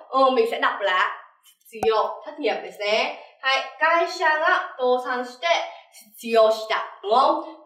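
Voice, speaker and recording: A woman's voice: high-pitched, fairly bright tone, recorded from a distance. A young woman teaching Japanese vocabulary in a lesson, calling herself sensei and often checking with "right?". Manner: keeps asking "right?" as a checking tag. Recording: echoey room, voice off-mic.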